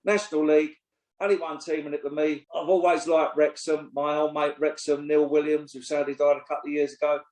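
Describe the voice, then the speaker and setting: With a fairly high voice that barely moves in pitch, this man talks fairly quickly in a slightly mellow tone. He's in his 60s, co-hosting a casual football podcast as a pundit, blunt and opinionated and swearing freely. The casual chat is captured with a roomy echo.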